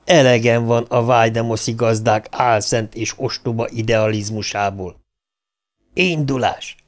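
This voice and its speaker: A man's voice: mid-range voice, steady tone, lightly acted. A male audiobook reader voicing a cold, scheming ruler who threatens a young man at gunpoint. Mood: cold menacing. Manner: icy, clipped, menacing.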